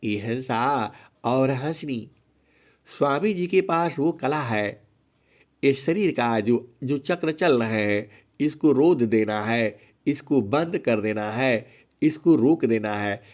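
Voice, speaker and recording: Slow-speaking man preaching a spiritual sermon. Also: mid-range voice, animated, a little mellow. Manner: storytelling, slow drawn-out chanting of couplets; frequent filler "जो है". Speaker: satsang preacher. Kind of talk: devotional sermon with sung verses.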